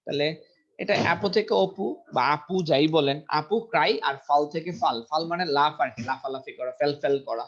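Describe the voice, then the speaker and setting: Higher-voiced man teaching vocabulary. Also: brisk. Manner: repeats words, checks pronunciation aloud. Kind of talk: vocabulary lesson. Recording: dull lo-fi recording.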